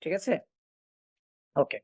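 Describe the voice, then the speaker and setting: A man teaching a recitation class, explaining step by step and asking and answering his own questions, often pausing with filler sounds. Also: a little mellow, dry recording. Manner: frequent filler sounds while thinking. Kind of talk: online class lecture.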